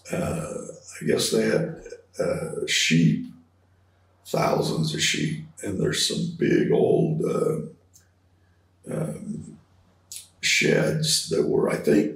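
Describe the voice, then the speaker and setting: An older American man from California reminisces casually as an interview guest, in a halting, rambling way. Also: on the low side, gravelly. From California Bay Area, USA. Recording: roomy, distant computer-speaker pickup.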